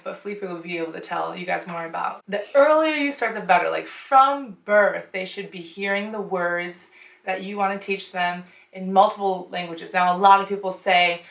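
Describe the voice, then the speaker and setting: A parent and show host, this American woman whose first language was Chinese offers earnest parenting advice in a casual vlog, saying "um" a lot. She speaks at a moderate pace in a medium-pitched, gravelly, fairly bright voice. The mic sits some distance away, giving a roomy echo.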